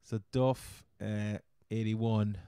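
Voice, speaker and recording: A man's voice: on the low side, little pitch movement, drawn-out words, mellow, clear, resonant tone, no room sound, clean studio sound. An Irish man with a Cork accent hosting a casual sports chat, rambling and often repeating his words. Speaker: podcast host. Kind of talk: casual chat, fantasy football commentary.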